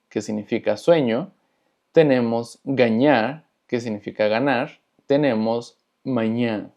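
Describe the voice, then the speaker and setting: A man's voice: mid-range voice, dark tone. Patient male language teacher. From Latin America. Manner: explains patiently, repeating example words slowly to model pronunciation. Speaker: Portuguese teacher. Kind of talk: online language lesson.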